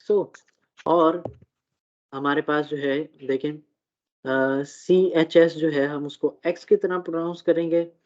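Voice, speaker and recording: A man teaching a live online German class, who talks slowly, checks in often and uses many fillers. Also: on the high side, darkish tone. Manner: slow, repeats "theek hai" often, fillers. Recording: dull lo-fi audio.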